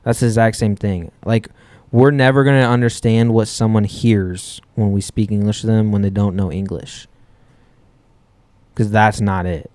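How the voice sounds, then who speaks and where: A man's voice: fairly low pitch, steady tone, normal speed, darkish tone, no echo. A man co-hosting a podcast, arguing his point stubbornly in casual chat and laughing it off. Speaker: podcast co-host.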